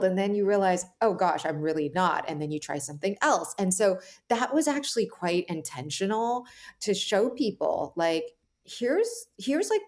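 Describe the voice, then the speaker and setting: Here a female author, her voice on the lower side, opens up in a relaxed interview setting. Animated and frank, she dramatizes her own quoted thoughts, peppers her speech with "like" and "right?", and describes herself as intense.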